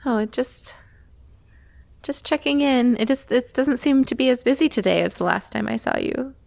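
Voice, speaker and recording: A woman's voice: a little high, normal speed, creaky, darkish tone. A woman chatting casually as a tabletop game player.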